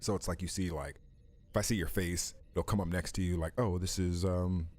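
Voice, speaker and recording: A man's voice: sits low, steady tone, a little fast, slightly rough. A man hosting a live stream, talking casually and rambling as he explains things, swearing freely, with the hiccups. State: has the hiccups. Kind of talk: casual chat.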